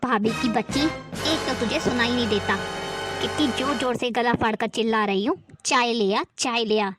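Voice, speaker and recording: A woman's voice: a little high, normal speed, music in the background, natural voice. A woman playing a harsh, domineering sister-in-law who barks orders and scolds. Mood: bossy. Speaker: performer in a family skit. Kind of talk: amateur family drama acting.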